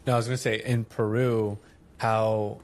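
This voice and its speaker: A man's voice: fairly low pitch, little pitch movement, normal speed, a little mellow. A man co-hosting a podcast in casual chat, asking curious, rambling questions. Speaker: podcast co-host.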